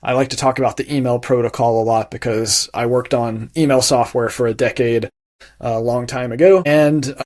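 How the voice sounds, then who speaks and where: Man, mid-pitch guest for interview, thoughtful explainer, measured delivery, frequent restarts. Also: darkish tone. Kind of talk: explanatory conversational interview answers.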